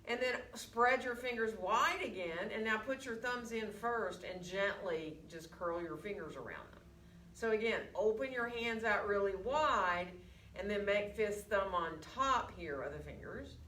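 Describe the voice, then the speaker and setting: A woman teaching a gentle yoga class, speaking through a face mask and giving guided breathing and movement instructions. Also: mid-range voice, lively intonation, measured pace. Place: indoor yoga studio. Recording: distant mic, echoey room, faint noise.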